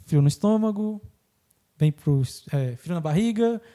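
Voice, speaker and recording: A man hosting a podcast, explaining things in casual talk and acting out the people he quotes in lively voices. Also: high voice. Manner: animated, acts out quoted people in quick voices. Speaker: podcast host.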